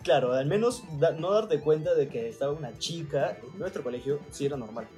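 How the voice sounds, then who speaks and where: A man's voice: a little high, expressive, a little fast, warm tone, faint music behind. A young man chatting casually with friends, laughing often and retelling stories. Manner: laughs often, tells stories with acted quotes. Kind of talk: casual chat.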